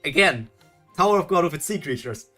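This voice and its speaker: Brisk and sharp in tone, a young man from Germany reacts to a webtoon on a live stream, his high voice carrying lively intonation over faint background music. He chats casually in a German accent, thinking aloud, restarting, chuckling, and responding to his chat.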